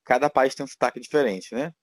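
A man's voice: mid-range voice, fast, no echo. A Brazilian man, a guest in a casual interview, talking in a rambling way with many fillers and restarts. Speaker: guest, teacher living abroad.

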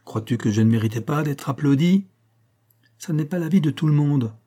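A man's voice: medium pitch, moderate pace, mellow, pitched above the performer's own voice, close to an everyday voice. A man reading aloud, voicing a proud, furious young opera singer who scolds and commands. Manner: imperious, scolding.

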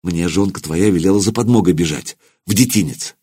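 A man doing a terrified, hushed servant. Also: low-pitched, breathy edge, no echo, clean studio sound. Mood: frightened. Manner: hushed, halting, pleading. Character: frightened young male servant, trembling and tearful. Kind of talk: audiobook character voice.

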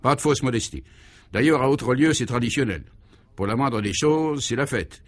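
A man's voice: mid-range voice, moderate pace, natural voice. A man playing a jovial colonial governor who explains things in a genial way, as comic radio serial acting.

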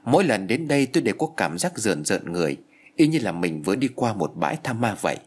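A man narrating a ghost story as a storyteller with an expressive, dramatic reading. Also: fairly low pitch, fast talker. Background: faint music.

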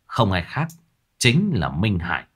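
Husky, lively male storyteller. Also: deep voice, unhurried. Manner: dramatic, expressive. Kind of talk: scripted narration.

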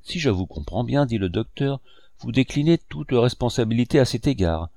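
A man reading an audiobook, voicing a calm, lightly ironic male doctor. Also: mid-range voice, normal speed, no echo, clean studio sound, close to an everyday voice. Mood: measured.

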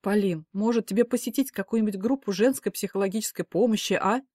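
A woman's voice: medium pitch, fast, darkish tone, no echo, close to an everyday voice. Lady doing a fussy worried mom, middle-aged, scolding and pushy, dry sound. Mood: urging. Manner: emphatic pleading and scolding.

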